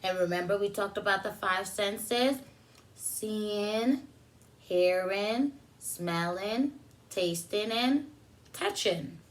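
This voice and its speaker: Speaking at a medium pitch, a woman leads story time as a preschool teacher. She reads to small children in an instructional way, explaining along the way, asking simple questions and leaving pauses for answers.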